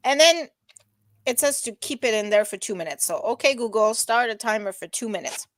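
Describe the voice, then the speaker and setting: A woman co-hosting a casual talk show speaks in a fairly high voice and explains each step as she goes, in a chatty, self-deprecating way. Her voice is recorded close and dry, with no room sound. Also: lively intonation, brisk, dry recording. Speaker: co-host. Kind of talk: casual chat.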